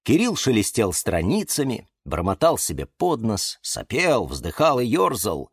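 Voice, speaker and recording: A man narrating a children's storybook in an unhurried, expressive way. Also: mid-range voice, breathy edge, no echo, studio quality.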